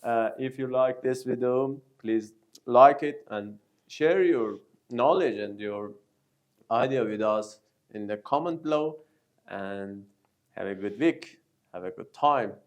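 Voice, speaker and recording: A man from Iran, a native Persian speaker with a Persian accent, co-hosts a casual chat. His voice is medium-pitched, and he speaks slowly and hesitantly with lots of fillers.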